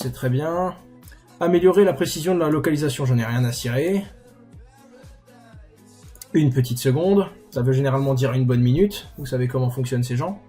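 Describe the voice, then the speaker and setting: A man's voice: medium pitch, mellow. A young man hosting a casual screen tutorial, chatty and self-mocking, with crude slang. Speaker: YouTuber tutorial host.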